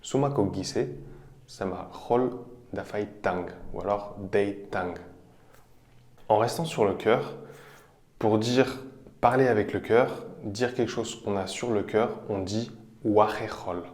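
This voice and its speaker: Man, language teacher, patient, repeats words slowly, lowish voice, roomy echo. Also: darkish tone. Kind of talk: explaining vocabulary with repeated examples.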